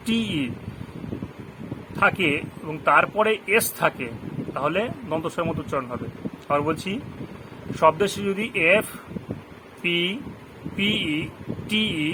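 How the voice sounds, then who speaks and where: Guy teaching english sounds, bit high voice, says each rule twice, noisy hum behind. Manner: repeats rules slowly, gives word examples with meanings; asks the listeners questions. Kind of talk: classroom lesson in Bengali.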